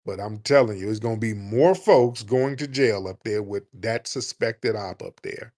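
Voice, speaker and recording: At a moderate pace, a male host of a call-in show delivers blunt, foul-mouthed, lively talk, occasionally imitating people in a mocking high-pitched voice.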